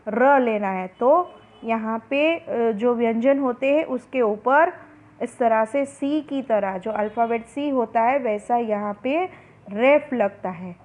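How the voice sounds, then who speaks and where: A high-voiced woman teaches a phonics lesson, sounding out words at a very slow, deliberate pace. Her voice comes through a narrow, phone-like recording. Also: darkish tone. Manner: slow, drawn-out pronunciation of each word for students.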